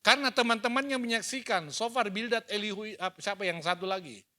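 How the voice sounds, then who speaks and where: A male pastor preaching a sermon, retelling scripture with animated acted-out dialogue. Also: high-pitched, brisk. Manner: animated storytelling, acts out dialogue. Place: church hall.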